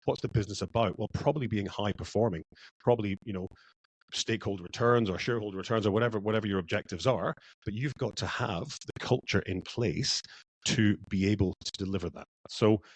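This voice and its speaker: A man's voice: fairly low pitch, fairly quick, no echo. A man from Scotland, a guest in a podcast interview, talking reflectively and repeating words as he thinks. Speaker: guest, culture consultant.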